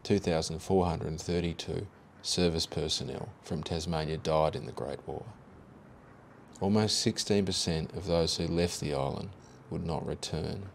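A man narrates scripted history in a calm, measured delivery. His voice is very deep and even. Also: gravelly, a little hiss or hum. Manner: measured, factual storytelling. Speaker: documentary narrator.

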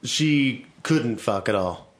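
A man's voice: mid-range voice, lively intonation, slow, noisy background. A man co-hosting a podcast from a home basement, talking bluntly and profanely in casual chat. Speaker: podcast co-host.

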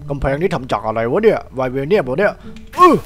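Cocky superhero, boastful, strained grunts, lively pitch, acted by a man. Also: quick pace. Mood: confident. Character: cocky male superhero, adult, self-assured.

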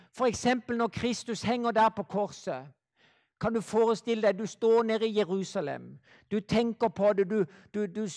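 High-voiced preacher, slow and deliberate. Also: male voice. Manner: slow, deliberate, repeats phrases, drops to a hush. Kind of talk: sermon to a live audience.

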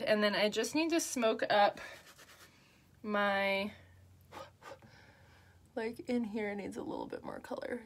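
A woman with a slightly high voice walks viewers through a makeup look in a chatty, upbeat tutorial. She talks casually as she works, with plenty of "um" and "like" fillers. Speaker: makeup artist.

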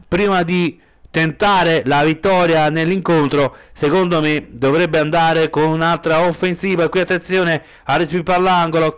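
A man's voice: fairly high pitch, fairly bright tone, smooth. A man doing amateur play-by-play wrestling commentary, somewhat hesitant, returning to stock phrases.

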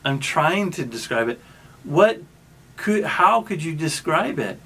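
A male pastor giving a sermon in a conversational, storytelling way, often restarting his sentences and pausing mid-thought. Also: fairly high pitch, very animated, sharp tone, husky. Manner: conversational, with frequent restarts and trailing pauses.

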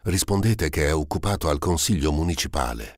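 A man reading an audiobook, voicing a timid young servant who speaks in a hushed, stammering way. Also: extremely low pitch, expressive, brisk, dry recording, studio quality. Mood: nervous.

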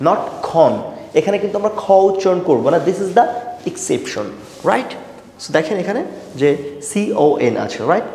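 Animated Bangladeshi man teaching pronunciation. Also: a little high, a little hiss or hum. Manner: animated, repeats example words with stress. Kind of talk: online lesson mixing Bengali and English. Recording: roomy echo with a long reverb.

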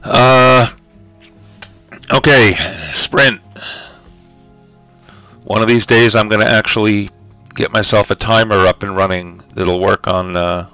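A man's voice: lowish voice, completely flat delivery, moderate pace, hardly any pauses, pushed and bright, clean tone, no echo, faint music behind. A man hosting a casual livestream, chatting with viewers about his audio levels and setting up a writing sprint, with lots of fillers.

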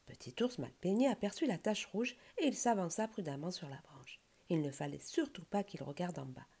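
A woman reading a children's bedtime story aloud in a gentle, expressive way. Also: fairly low pitch, moderate pace, husky.

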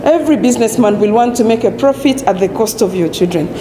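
A woman's voice: mid-range voice, animated, fast talker, noisy background. A woman speaking urgently and insistently to press microphones in an office. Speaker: interviewee. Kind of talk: press interview. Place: indoor office. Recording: echoey room.

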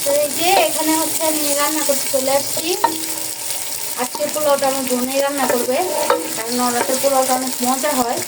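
A woman's voice: high voice, flat delivery, a little fast, heavy background noise. A woman, chatting casually to viewers in a home cooking vlog. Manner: chatty, addresses viewers directly. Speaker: cooking vlogger. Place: home kitchen.

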